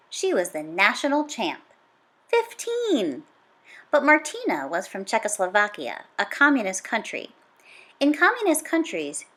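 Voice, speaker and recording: At a medium pitch, a woman reads a children's book aloud as a teacher would. She keeps it animated and conversational, hitting the repeated words with emphasis.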